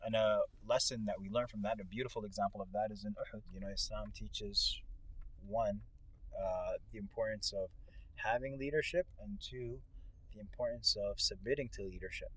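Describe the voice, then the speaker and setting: Fairly low in pitch and a bit bright, this man speaks at normal speed on a rough recording made in a moving car, with vehicle noise plainly audible. Co-hosting a ride-along talk show, he reflects casually on religion, laying out points and reinforcing them by repeating phrases.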